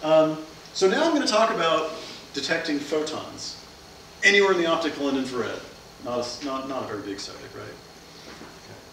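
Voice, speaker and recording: Fairly quick and animated, with a rather high pitch, a middle-aged physics lecturer explains ideas at a science cafe by asking questions and answering them. A far camera mic records him in a seminar room with a projector screen, leaving the sound distant, echoey and noisy.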